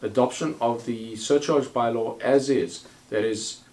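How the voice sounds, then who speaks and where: A man chairing a council meeting, calling votes in a procedural, brisk manner with wry asides. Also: medium pitch, darkish tone.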